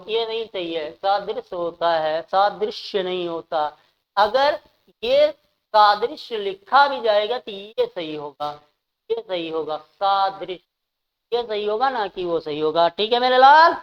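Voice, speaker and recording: A woman's voice: medium pitch, animated, a little slow. A woman teacher, leading an exam-prep spelling lesson in a playful, coaxing way and calling students "my dear". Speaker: Hindi teacher. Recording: slightly dull, lo-fi audio.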